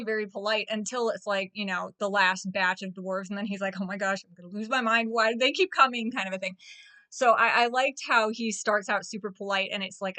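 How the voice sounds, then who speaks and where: Woman, 30s, book vlogger; casual and gushing, lots of fillers, crisp tone. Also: mid-range voice, sharp tone. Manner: chatty, gushing, full of fillers.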